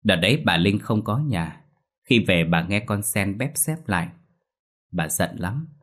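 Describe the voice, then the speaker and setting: A man narrating a ghost story in a steady, dramatic reading. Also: deep voice.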